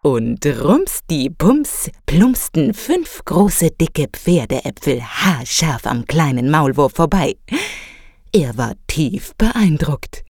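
Low-voiced woman reading a children's story. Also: no room sound, clean studio sound. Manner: measured, expressive storytelling.

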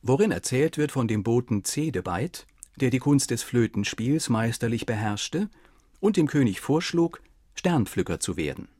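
A man's voice: medium pitch, very animated, moderate pace, a little mellow, no echo, studio quality. A man narrating a fairy tale from a script in a playful way, now and then turning to the listener with a question. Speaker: storyteller.

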